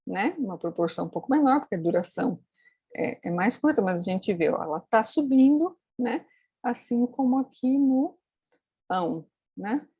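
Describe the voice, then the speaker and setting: Husky woman explaining patiently. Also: on the high side, a little mellow, dry recording. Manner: explanatory, frequent tag questions. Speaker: phonetics instructor. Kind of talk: screen-recorded tutorial.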